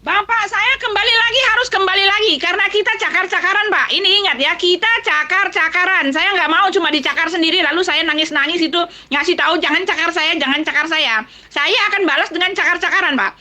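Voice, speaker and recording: A woman with a high, bright voice argues in a heated religious debate. She is combative and talks straight at her opponent. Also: fast talker, few pauses. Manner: combative, addressing opponent directly.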